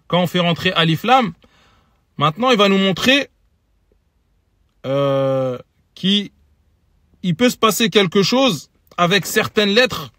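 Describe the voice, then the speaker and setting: Slow, high-voiced male teacher. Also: pushed and bright, no room sound, clean studio sound. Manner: slow, careful, repeats each example word aloud. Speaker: Arabic teacher. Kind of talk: recorded lesson, patient explanation.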